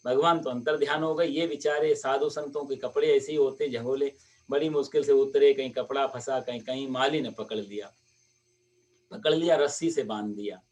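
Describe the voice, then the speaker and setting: A male preacher narrating a devotional story sermon in a lively storytelling manner. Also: mid-range voice, moderate pace, far from the mic.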